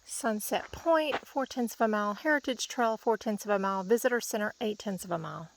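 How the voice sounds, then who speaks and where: A woman's voice: medium pitch, a little fast, creaky. Woman vlogger musing aloud, noisy recording. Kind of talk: casual travel vlog narration.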